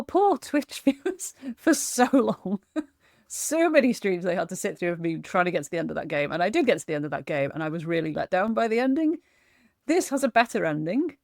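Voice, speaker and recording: Woman, casual gaming vlogger, lowish pitch, dry close sound, chatty and self-mocking. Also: lively intonation, fairly quick, gravelly, no echo. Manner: chatty and self-deprecating, laughs often. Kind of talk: casual chat reviewing games.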